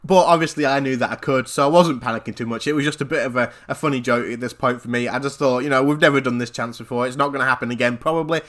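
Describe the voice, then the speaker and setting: A man recounts a gaming mishap for his vlog, with a bright, forward tone that cuts through. He rambles excitedly, doubling back and repeating phrases as he goes. The sound is a plain close-mic desk recording. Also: medium pitch, fast talker, hardly any pauses. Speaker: gaming channel host. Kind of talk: story time vlog narration.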